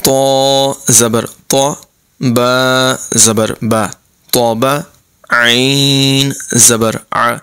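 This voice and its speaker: A man teaching Quran reading, spelling out letters and vowel marks slowly and explaining how to pronounce them. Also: medium pitch, fairly bright tone, clear, resonant tone, dry recording. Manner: slow, deliberate drilling of letter sounds with explanations. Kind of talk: recitation lesson, spelling letters aloud.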